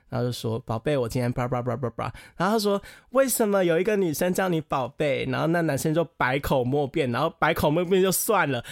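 A man's voice: mid-range voice, vocal fry, no room sound, clean studio sound. A man co-hosting a podcast in casual chat, chatty and eager, laughing often as he retells a friend's story. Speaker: podcast co-host.

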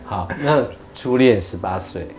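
A man's voice: on the low side, expressive, unhurried, over music. A man who hosts a casual chat, dropping in jokes and short remarks. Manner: joking interjections. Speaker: host.

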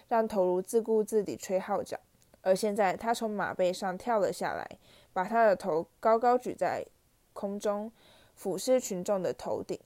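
Woman narrator, mellow, steady audiobook reading. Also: medium pitch. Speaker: storyteller.

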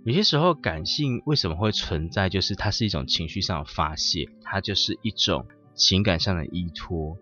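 A man's voice: low voice, expressive, normal speed, hardly any pauses, bright, forceful tone. A man hosting a podcast who tells a story and reflects in a conversational, emphatic way. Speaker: podcast host. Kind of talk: storytelling monologue on dreams. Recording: muffled audio with faint music.

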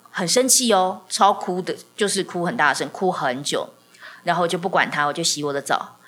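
A woman, a podcast host telling stories in casual conversation and acting out dialogue. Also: lowish voice. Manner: animated, acts out dialogue with frequent laughter. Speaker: podcast host and communication teacher.

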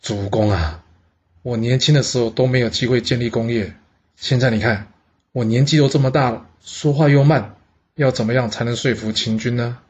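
A shrewd aging envoy pleads his case in earnest, reasoning point by point, as a man voices him. The voice is rough and husky, held at an even middle pitch. The audio sounds dull and lo-fi. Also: normal speed, close to an everyday voice. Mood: persuasive.

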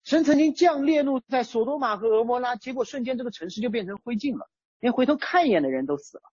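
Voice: mid-range voice, lively intonation, fast, darkish tone, breathy edge, no room sound, highs cut off. A preacher giving a sermon in a conversational way, using everyday examples. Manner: conversational, uses everyday chat-group analogies. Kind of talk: sermon on a psalm.

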